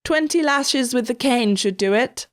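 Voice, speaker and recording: A woman's voice: on the high side, unhurried, pitched above the performer's own voice, close to an everyday voice. A woman voicing a cruel, podgy male school cook who bellows at the children. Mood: harsh. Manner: bellowing, gruff.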